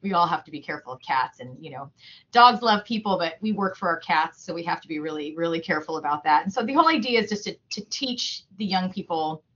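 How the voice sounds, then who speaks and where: A woman's voice: fairly low pitch, animated, quick pace, fairly bright tone, highs cut off. A woman who works as a humane educator, talking casually in an interview, chatty with lots of fillers and restarts. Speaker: humane educator at an animal shelter.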